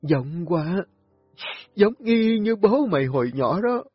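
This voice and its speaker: A man's voice: high voice, sing-song, takes it slowly, slightly rough, no echo, soft background music, pitched above the performer's own voice, full character voice. A man voicing a frail, bedridden old grandmother, pleading with a voice that breaks with sobs. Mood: tearful joy. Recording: dull lo-fi recording.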